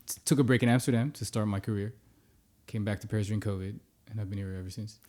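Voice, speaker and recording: Talking at a quick pace with a voice on the low side, this easygoing man in his thirties laughs frequently while chatting as a podcast guest. He's U.S.-born and was raised across many countries.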